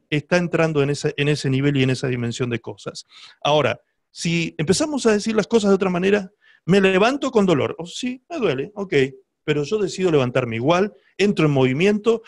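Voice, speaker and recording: A man's voice: high voice, dry recording, clean studio sound. A male pastor preaching a sermon, emphatic and teaching, often checking in with rhetorical questions to his listeners.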